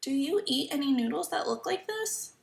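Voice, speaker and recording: A woman reading a picture book aloud to children like a kids show host, stopping to ask questions and explain simply, with a creaky voice. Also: high voice, big pitch swings, normal speed. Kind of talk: children's story time read-aloud lesson. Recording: roomy echo, slightly distant mic.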